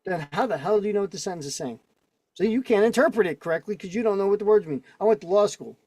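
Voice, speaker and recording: A man's voice: sits high, expressive, quick pace, darkish tone, no room sound. A man teaching casually on a video call. He argues his points and keeps checking in with the listeners. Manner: argumentative, keeps checking in with "right?" and "okay?". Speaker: instructor.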